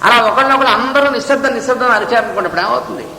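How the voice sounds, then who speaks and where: A man giving a spiritual discourse, reading a text and then explaining it, sometimes chanting verses slowly. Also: extremely high pitch, vocal fry, pushed and bright, echoey room, long reverb tail, a little hiss or hum, low-quality recording. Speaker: spiritual teacher. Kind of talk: Gita discourse.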